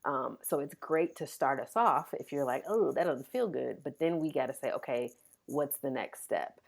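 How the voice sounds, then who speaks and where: A woman's voice: extremely low pitch, moderate pace, vocal fry. A woman in her thirties, a pediatric physical therapist, speaking earnestly as a guest in a podcast interview.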